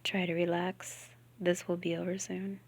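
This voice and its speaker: A woman voicing a cold, calm and condescending male ship computer in a novel reading. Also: on the low side, husky. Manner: quiet, measured, condescending.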